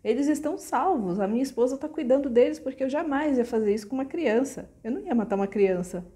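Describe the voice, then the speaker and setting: A woman voicing a frightened but kindly male cook who pleads in a hurried way while retelling a folk tale. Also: sits high, animated, mellow. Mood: anxious, pleading.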